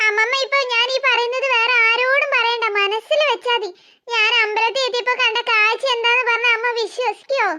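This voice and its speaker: A sly little tattletale from a cartoon. She whines and spreads gossip in a very high, bright, quick voice. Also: steady tone. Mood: tattling. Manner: whiny, tattling. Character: tattling young girl, sly and dramatic.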